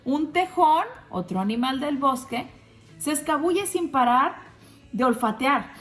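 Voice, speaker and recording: A woman reading a picture book aloud to children, gently pointing them to the pictures. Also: high-pitched, expressive, measured pace. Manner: gentle, addresses kids, shows pictures. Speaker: storybook reader. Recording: roomy with faint music.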